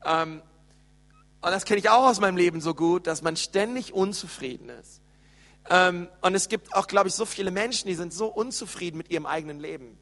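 A man preaching a lively sermon and speaking directly to his congregation. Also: high-pitched, a little fast, long reverb tail. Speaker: pastor.

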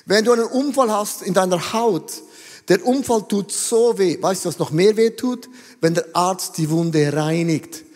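Animated high-voiced male preacher. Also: unhurried. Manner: animated, mixes English phrases, acts out voices. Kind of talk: sermon. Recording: long hall reverb.

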